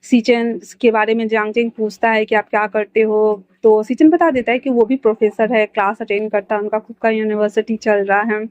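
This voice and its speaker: A woman's voice: fairly high pitch, fairly even intonation, brisk, few pauses, a little mellow, no room sound. A woman narrating a fan story casually, chatty, with fillers and self-corrections, on a dull lo-fi recording.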